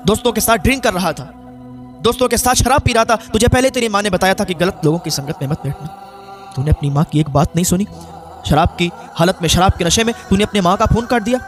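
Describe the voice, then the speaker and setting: A man's voice: sits high, expressive, quick pace, faint music behind. A male preacher delivering an emotional sermon as a story, repeating phrases for dramatic effect. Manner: repetitive, dramatic retelling. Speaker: maulana, preacher.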